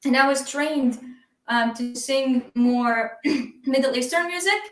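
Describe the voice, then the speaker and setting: A woman's voice: sits high, takes it slowly, fairly bright tone. A woman from Iraq with an Iraqi Arabic accent, a guest drummer talking easily in a live stream interview, with many ums and frequent laughs. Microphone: video call. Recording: echoey room, distant from the mic.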